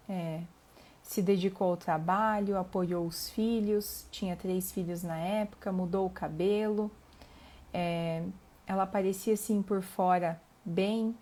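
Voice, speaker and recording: Brazilian woman, middle-aged, live talk host, calm and earnest, mid-pitched voice, asks the listener questions. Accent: Brazilian Portuguese. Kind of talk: reflective live talk, reading passages aloud.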